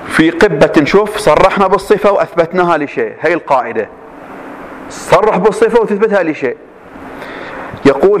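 A man teaching a class, reading a text slowly and then explaining it with quick questions to his students. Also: fairly high pitch, a little hiss or hum.

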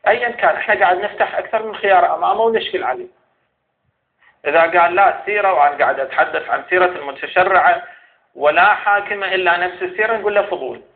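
A man's voice: high voice, very fast. A man with an Iraqi Arabic accent giving a seminary lecture, arguing point by point and posing questions to the scholar he rebuts. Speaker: teacher of Islamic jurisprudence. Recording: tinny phone-like sound.

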